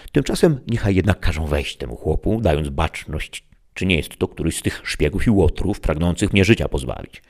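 A man voicing a blustering, hungry peasant-governor who grumbles indignantly and loudly. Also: very deep voice, animated, normal speed, exaggerated voice. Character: blustering hungry peasant-governor Sancho, male, middle-aged.

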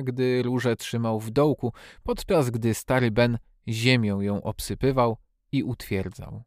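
A man narrating a storybook in a steady, measured reading voice. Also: medium pitch, no echo, clean studio sound. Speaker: audiobook narrator.

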